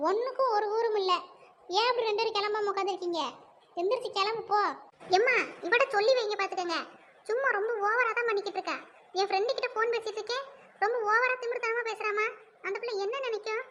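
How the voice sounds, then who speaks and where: A woman's voice: extremely high pitch, fairly bright tone. A woman voicing an exasperated cartoon mother who keeps scolding her two quarrelling daughters. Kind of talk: cartoon voice acting.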